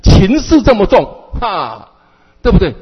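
A man's voice: high voice, wildly swooping pitch, measured pace, breathy edge, voice pushed up, full character voice. A man voicing a stern male bodhisattva teacher who scolds his pupil in a sing-song, exasperated way, heard in a dull, echoey hall recording. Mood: scolding.

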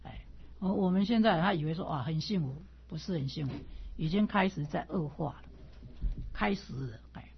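A woman's voice: low voice, expressive, moderate pace, vocal fry, slight background noise. A woman teaching the Analects in a conversational lecture, often repeating and restarting phrases and pushing up into emphatic questions. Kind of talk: informal classroom lecture on classical texts. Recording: dull lo-fi recording.

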